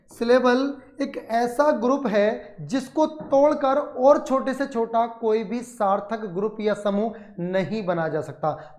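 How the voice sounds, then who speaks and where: A man's voice: very high voice, darkish tone. Indian man teaching grammar in roomy class. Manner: explains in Hindi mixed with English, asks and answers his own questions; dictates slowly word by word. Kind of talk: grammar lesson.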